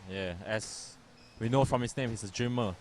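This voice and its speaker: A man's voice: mid-range voice, normal speed, slight background noise. Easygoing male squash commentator. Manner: easygoing, asks his co-host questions. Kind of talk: casual live sports commentary.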